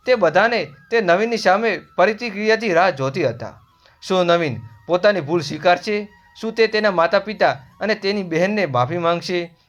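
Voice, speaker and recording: A man reading a family story aloud in a steady scripted narration, without doing character voices. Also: high voice. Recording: dull lo-fi voice-over with soft music.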